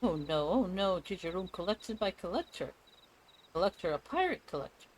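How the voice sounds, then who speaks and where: A man doing a tiny, frantic fantasy beastman, squeaking far above his own voice. The words tumble out in broken, tongue-twisting bursts. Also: expressive, moderate pace, a little hiss or hum.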